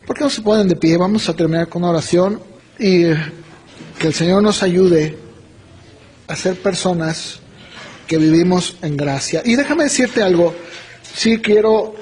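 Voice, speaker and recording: A man's voice: high voice, a little slow, long pauses. A middle-aged man with a Mexican accent, preaching a sermon and acting out the dialogue of his story. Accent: Mexican Spanish. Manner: animated, acts out dialogue, laughs while telling. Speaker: pastor.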